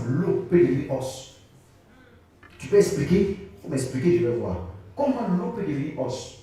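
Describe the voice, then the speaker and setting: Pastor, male, high animated voice, emphatic sermon, very echoey hall, faint music behind. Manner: emphatic, repeats phrases, questions the congregation.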